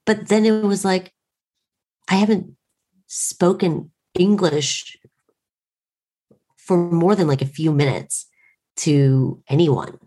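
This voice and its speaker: Speaking casually, this late-thirties woman from the United States shares a story that pokes fun at herself with a wry edge. She has a lowish, warm voice, moves slowly, and leaves long pauses.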